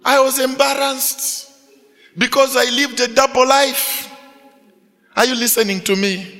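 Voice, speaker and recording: A middle-aged male pastor preaching to students, telling a story with animated delivery and frequent rhetorical questions. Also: very high voice, measured pace, in a large hall. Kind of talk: sermon to students.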